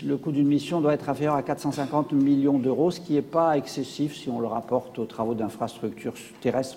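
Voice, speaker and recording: A man's voice: mid-range voice, warm tone, big-room sound. A man giving a public science lecture with slides, hesitant, with many fillers and restarts.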